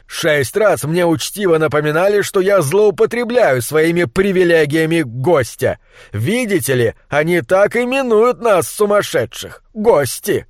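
A man's voice: fairly high pitch, lively intonation, measured pace, no room sound, clean studio sound. A man voicing a brilliant, bitter monster scientist who speaks with acid sarcasm. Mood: scornful. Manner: acid, sardonic.

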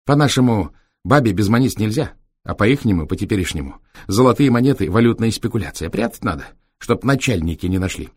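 A man's voice: fairly low pitch, expressive, brisk, darkish tone, slightly rough, no echo, clean studio sound. A man voicing a cheeky, streetwise young Roma taxi driver who talks in brash, slangy, sly banter.

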